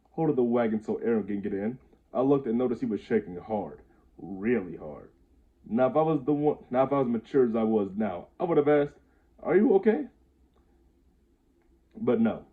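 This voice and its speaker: A man in his twenties casually reading aloud his own handwritten story, stumbling over the words and chuckling at himself. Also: fairly low pitch. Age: 20s. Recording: tinny phone-like audio.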